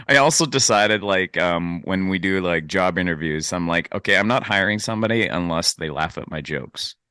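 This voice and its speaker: A man's voice: deep voice, moderate pace, pushed and bright, clear, resonant tone, no echo, clean studio sound. A man chatting casually on a podcast, rambling with hesitant restarts and frequent laughs. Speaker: podcast host. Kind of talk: casual chat.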